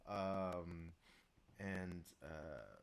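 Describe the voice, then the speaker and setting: A man's voice: sits low, lively intonation, very slow, creaky, a little hiss or hum. A man with a stuffy nose and a sore throat chats casually to live viewers while composing music, reading their messages aloud. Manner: chatty, talks to viewers and reads their chat aloud.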